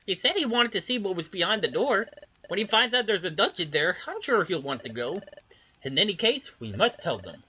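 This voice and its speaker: A player reads a game's dialogue aloud in a mid-range voice. The voice has a bright tone. The delivery is lively, with pitch that rises and falls widely. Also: fairly quick, slight background noise. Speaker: game player voicing dialogue. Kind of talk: reading game dialogue aloud.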